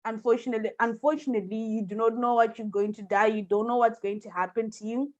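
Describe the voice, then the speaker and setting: On a panel held over video call, a Zimbabwean mental health and epilepsy advocate talks fast in a fairly high, steady voice, pressing her points with passion and emphasis. The call audio is muffled.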